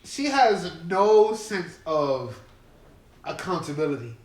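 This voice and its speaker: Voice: mid-range voice, very animated, slow pace, a little mellow, echoey room. A podcast co-host chatting casually, joking and slangy. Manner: joking, slangy, laughs a lot. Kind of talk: casual chat.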